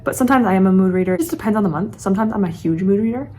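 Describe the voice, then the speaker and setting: A woman in her late twenties runs a book vlog and chats casually but earnestly to her viewers on camera. Her mid-range voice is animated, racing and a bit dark in tone, with slight background noise behind her.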